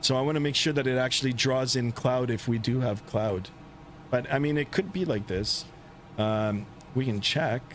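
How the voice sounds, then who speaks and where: On a flight sim livestream, the male host talks casually but haltingly, pausing often. The engine's steady rumble fills the background.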